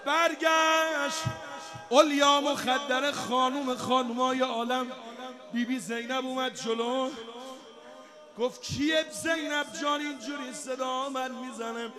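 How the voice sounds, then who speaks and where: A man reciting a religious mourning eulogy, shouting and chanting drawn-out lines at a mourning gathering. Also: very high voice, fairly even intonation. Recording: live crowd and music behind.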